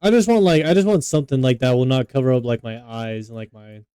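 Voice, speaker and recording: A young man co-hosts a podcast in casual chat, speaking loosely, swearing, and leaning on lots of filler words. His voice is medium in pitch, quick, dark, and clean, with no room sound.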